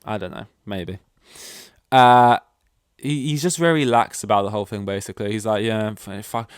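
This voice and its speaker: A man's voice: on the low side, normal speed, clean tone, dry recording, studio quality. A young man hosting a solo podcast from home, rambling offhandedly and swearing casually. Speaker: podcast host. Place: at home with his dog. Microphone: desk mic, plugged in.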